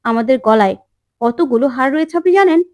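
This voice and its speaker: A bold young daughter-in-law who answers back with teasing retorts, read out by a woman. Her voice sits high and quick. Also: expressive. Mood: retorting.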